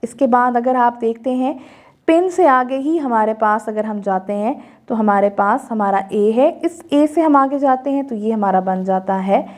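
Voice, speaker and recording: Woman teacher, slightly high voice, methodical video-lesson delivery. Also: darkish tone. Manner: methodical, walks through answers item by item in Urdu mixed with English. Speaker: English teacher. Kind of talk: recorded video lesson explaining textbook exercises.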